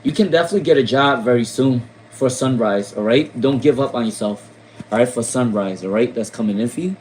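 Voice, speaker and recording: A man's voice: mid-range voice, brisk, darkish tone, a little hiss or hum, rough recording. A man from Rhode Island giving casual tarot readings on a live stream, repeating names and questions with many fillers. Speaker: tarot reader.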